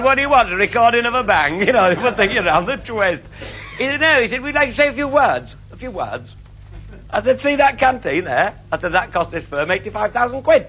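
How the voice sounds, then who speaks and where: High, lively storyteller. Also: male voice, very noisy. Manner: broad, earthy, swears freely, voices the people in his tales. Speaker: raconteur. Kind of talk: comic storytelling to a live audience. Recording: muffled old live recording with audience laughter.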